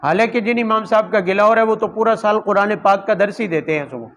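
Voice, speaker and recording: High-voiced preacher. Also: male voice, a bit bright, a little hiss or hum, rough recording. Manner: conversational, with rhetorical questions and personal anecdotes. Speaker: Quran teacher and imam. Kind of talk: Urdu Quran commentary sermon.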